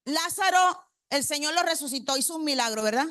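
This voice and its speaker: A woman's voice: high-pitched, lively intonation, a little fast, fairly bright tone, dry recording, clean studio sound. A woman preacher delivering a congregational sermon. She quizzes the congregation with rhetorical questions and repeats key phrases for emphasis.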